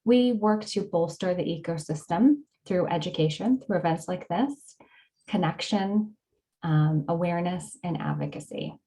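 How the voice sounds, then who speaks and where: A woman's voice: fairly low pitch, normal speed, dark tone, low-quality recording. A woman opening a webinar as host, upbeat and friendly, with frequent ums. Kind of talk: scripted webinar introduction.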